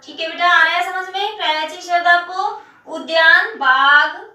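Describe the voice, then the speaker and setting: A woman teacher walks students through a grammar lesson, slowly repeating each word as she writes it and calling them child. Her voice is high and bright. She is recorded from across a room with heavy echo. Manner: addresses students as child, repeats words slowly while writing. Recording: echoey room, mic at a distance.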